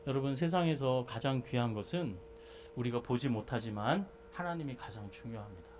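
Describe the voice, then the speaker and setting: A male pastor preaching a sermon who moves between loud fervent exhortation and relaxed, chatty storytelling. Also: mid-range voice, a little fast, noisy background. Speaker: senior pastor.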